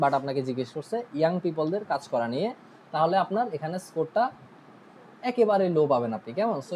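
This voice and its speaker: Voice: medium pitch, a little mellow, slight background noise, low-quality recording. An IELTS teacher from Bangladesh with a Bangladeshi Bengali accent, giving a casual online lesson in a chatty way, often checking in with listeners, stopping to correct itself and mixing English terms into the explanations.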